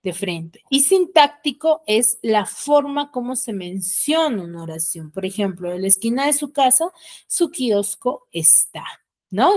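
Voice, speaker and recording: A woman teacher with a Peruvian Spanish accent, giving an online school lesson in an explanatory way and often ending phrases with tag questions, recorded on a computer mic. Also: on the high side. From Peru. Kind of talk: online class lecture.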